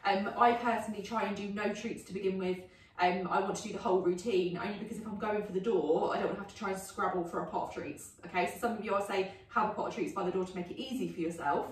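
A woman's voice: medium pitch, steady tone, fast. A woman teaching dog training at home, chatty, often saying "um" and checking "okay?" as she explains each step. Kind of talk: instructional demonstration. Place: home indoors. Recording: echoey room, voice from a distance.

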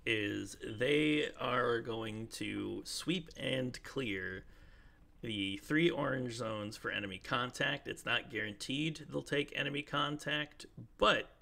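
A man's voice: mid-range voice, pushed and bright. A man casually briefing players over gaming voice chat as game master, playful and fond of silly nicknames. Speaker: game master running a military game session. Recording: gaming headset with clear background noise.

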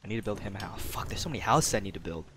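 A man's voice: lowish voice, animated, very fast, noisy background. A young man with a Midwestern accent chatting casually and joking while playing a game, swearing freely and laughing often. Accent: Midwestern American. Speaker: gamer host. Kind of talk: casual gameplay chat.

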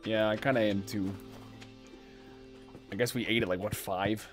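A man's voice: lowish voice, fairly even intonation, moderate pace, over music. A man chatting casually and teasing his co-op partner while streaming a farming game. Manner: joking, swearing, teasing banter. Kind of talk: casual co-op gameplay chat.

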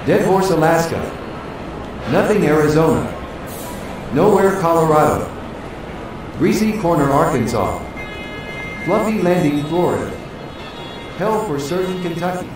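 A man's voice: on the high side, animated, measured pace, long pauses. A male automated voice reading a train announcement from spliced-together recorded words, stiff and clipped, with each place name pasted in separately. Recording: very echoey, distant, with music.

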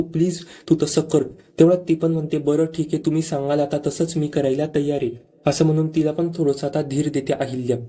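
A man narrating a TV serial plot recap in a steady, scripted retelling, reading out the characters' lines without putting on voices. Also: on the high side.

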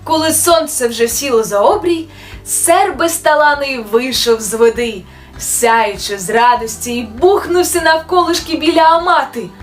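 High-voiced woman reading a fairy tale. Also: normal speed. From Ukraine. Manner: gentle, expressive storytelling. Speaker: storyteller. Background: soft music.

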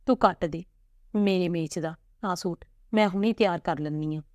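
A woman's voice: lowish voice, normal speed, darkish tone, no room sound, clean studio sound, lightly acted. Woman voicing a tender young bride-to-be. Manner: tender, pleading.

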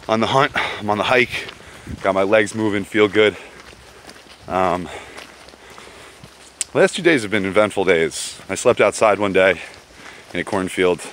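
A man's voice: low-pitched, fairly bright tone, slight background noise. A man in a casual walking vlog, talking while he hikes through woods outdoors, in a laid-back, rambling, slangy way with lots of fillers. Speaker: vlogger walking a pilgrimage route. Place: outdoors on a woodland trail, walking.

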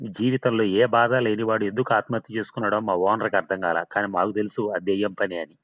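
A man's voice: on the low side, steady tone, fast talker, fairly bright tone, natural voice. A man voicing the ghost of a hard-drinking male laborer who keeps swearing his tale is true, in a storybook reading. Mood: insistent.

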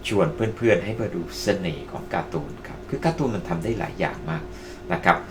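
A man with a low-sitting, animated voice speaks at a quick pace as the host of video-making tutorials. He addresses his online viewers casually and politely as friends, with music playing in the background.

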